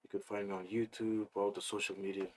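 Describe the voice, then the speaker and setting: A young man from Afghanistan, a guest in a casual interview, talks quickly in a fairly low-pitched voice. He is relaxed and rambling, with many fillers.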